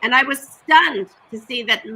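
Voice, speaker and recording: A woman talking casually as a guest on a video-call panel, lively and quick to laugh, with frequent restarts. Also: sits high. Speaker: television executive guest.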